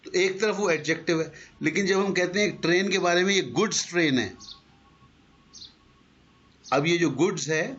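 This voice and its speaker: A man lectures to a class, walking through his points patiently and posing questions to his listeners. His voice sits a little high, and the recording is dull and lo-fi. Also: pauses often, fairly bright tone. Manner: explanatory, asks rhetorical questions. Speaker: teacher.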